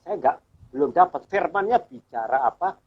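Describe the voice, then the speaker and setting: Animated and fairly high-pitched, a middle-aged church elder speaking as a guest earnestly recounts his own faith story in conversation at a moderate pace, performing the remembered dialogue. The recording sounds dull and lo-fi and is very noisy.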